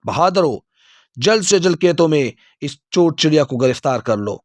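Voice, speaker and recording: A greedy, hot-tempered king, his voice pushed up high and loud as he barks orders at his soldiers, as a male storyteller puts him on. The recording is dry and close, with no room sound. It is a spoken storybook tale. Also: animated, no room sound, natural voice. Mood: commanding. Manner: shouting commands, haughty.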